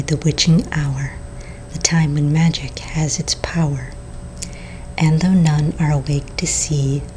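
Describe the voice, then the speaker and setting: Low whispering woman, library story-hour role-play. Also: poor audio. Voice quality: soft library whisper, breathy and unvoiced. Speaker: librarian reading a Halloween picture book aloud. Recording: low rumbling background noise.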